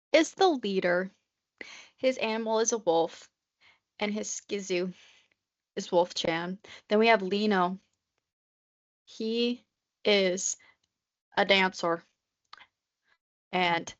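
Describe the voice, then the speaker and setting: Heard through dull audio, a mid-range woman's voice co-hosts a podcast. She's in her twenties and chats casually, rambling nervously and saying "like" all the time.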